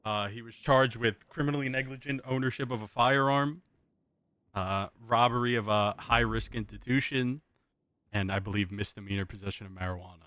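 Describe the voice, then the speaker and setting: A man role-playing an acting sheriff, speaking casually in a halting, matter-of-fact way. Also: medium pitch, pushed and bright, no room sound. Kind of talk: improvised role-play testimony and casual commentary.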